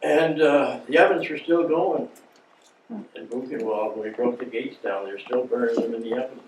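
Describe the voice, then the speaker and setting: An American war veteran in his nineties, speaking as a guest before an audience in an indoor meeting room, reminisces informally in a plain, halting way. His voice is medium in pitch. The room is echoey, the mic distant, and there is faint noise.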